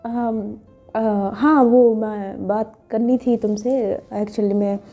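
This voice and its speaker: A woman's voice: fairly high pitch, fairly even intonation, slow. A stammering shy young woman, as a woman narrator voices her. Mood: nervous. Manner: stammering, hesitant. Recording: dull lo-fi with faint music.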